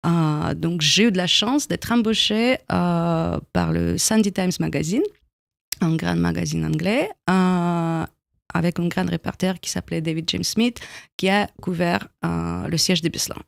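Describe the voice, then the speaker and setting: A woman in her thirties speaks French with a Russian accent, her voice gravelly with vocal fry. She answers at a measured, halting pace, stopping often to search for words. The studio sound is dry and close. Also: lowish voice, no room sound. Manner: thoughtful, halting, with many pauses and small grammar slips. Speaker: guest, documentary filmmaker. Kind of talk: radio interview. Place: radio studio.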